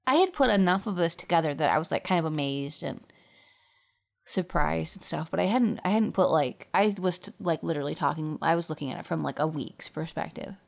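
A young woman with a lowish, gravelly voice talks in a halting, unsure way. She restarts her sentences often and fills the gaps with small hesitations. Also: animated. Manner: hesitant, many fillers and restarts, laughs often. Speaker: podcast co-host. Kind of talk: casual intimate conversation.

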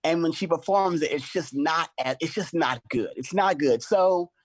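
A middle-aged man in casual conversation, an animated storyteller who acts out his own quoted lines. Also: on the high side, moderate pace, no echo. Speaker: choreographer and podcast guest.

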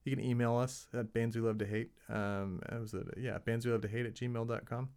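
A man's voice: medium pitch, flat delivery, a little fast, darkish tone, smooth. A man hosting his own podcast, giving a casual, rambling solo update with self-mocking asides. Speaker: podcast host.

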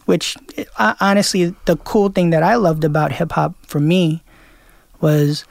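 A man's voice: on the high side, measured pace, creaky, dry recording. A man from Queens, a DJ guest talking loosely in an interview, full of fillers and restarts. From Queens, New York. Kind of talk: casual interview chat.

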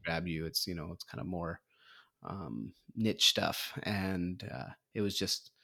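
A man's voice: deep voice, measured pace, gravelly, sharp tone, dry recording, clean studio sound. A man hosting a podcast, talking casually with a hesitant, filler-heavy, easygoing delivery. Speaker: podcast host. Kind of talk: casual chat.

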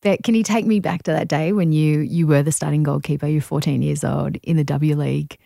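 A woman hosts the interview with a low, mellow voice, prompting her guest with engaged follow-up questions. The sound is dry and close to the mic. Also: fairly even intonation, fairly quick, creaky, no room sound. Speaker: podcast host.

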